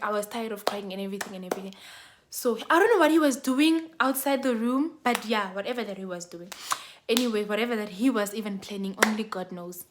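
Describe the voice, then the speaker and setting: A young woman with a South African accent, telling her own story to her viewers in a casual, dramatic way, jumping between loud bursts and hushed asides. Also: medium pitch, noisy background. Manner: talks straight to her viewers, often calling them "guys".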